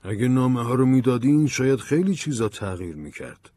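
A man's voice: medium pitch, sing-song, mellow, no room sound, voice pushed up. A man doing a persistent, insistent investigator. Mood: urgent. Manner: insistent, persuasive. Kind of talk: audiobook drama reading.

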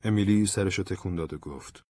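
Low, husky male audiobook narrator. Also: a little mellow, no echo, clean studio sound. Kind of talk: scripted narration.

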